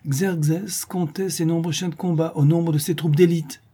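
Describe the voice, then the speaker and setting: A man voicing a calm, learned young gentleman who speaks in a measured, erudite way, in an audiobook reading. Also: fairly high pitch, breathy edge, voice pushed up. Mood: assured.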